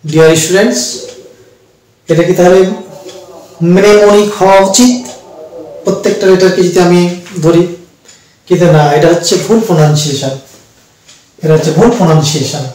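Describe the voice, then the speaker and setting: Bengali male teacher, slow patient explainer, fairly high voice, very roomy distant sound. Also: darkish tone, slight background noise. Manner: slow, repetitive explaining to students. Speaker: English teacher. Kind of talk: spoken lesson. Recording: very echoey room, distant mic.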